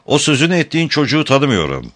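A man voicing a scornful, cruel male captive who answers in quick, mocking lines, pitched well above his narration. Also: wildly swooping pitch, fairly bright tone, no echo.

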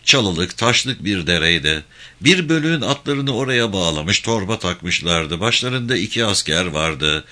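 Low, bright-voiced male storyteller. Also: animated, a little slow. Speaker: narrator. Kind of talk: storybook reading.

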